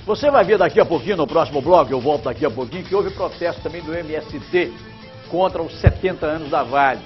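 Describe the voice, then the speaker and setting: Emphatic older TV presenter. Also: male voice, a little high, lively intonation, fast talker, highs cut off, faint music behind. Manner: emphatic, chatty, gestures while talking. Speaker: TV news presenter. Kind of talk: animated studio commentary. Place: TV news studio. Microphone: lapel mic.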